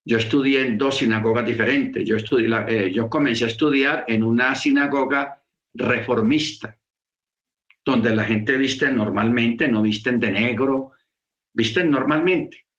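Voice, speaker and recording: A man gives a sermon-style lesson at an unhurried pace. He explains patiently and repeats his key points for emphasis, with a mid-range voice. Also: mid-range voice, fairly bright tone, echoey room, dull audio. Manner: slow, repetitive, emphatic explaining. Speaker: teacher of a messianic congregation. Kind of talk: sermon teaching.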